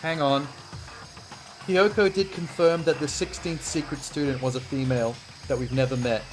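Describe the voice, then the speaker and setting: A man's voice: medium pitch, fairly even intonation, normal speed, low-quality recording. Guy doing a casual lets play, blunt n exasperated, reads the text out, game music pretty audible behind him. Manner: reacts exasperatedly, blunt asides. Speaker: host of a video game playthrough. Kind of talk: casual game commentary with read-aloud text.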